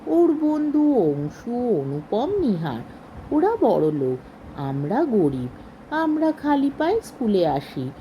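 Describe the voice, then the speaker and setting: Slow, mellow female storyteller. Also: mid-range voice, a little hiss or hum, poor audio. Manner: slow, measured reading with expressive rises. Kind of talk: reading a short story aloud.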